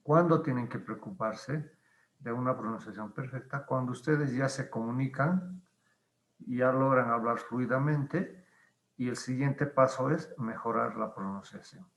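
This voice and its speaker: Slow, gravelly teacher. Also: male voice, mid-range voice, a bit bright, roomy sound. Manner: patient, explains slowly with many pauses and fillers. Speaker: English teacher. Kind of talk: online class explanation.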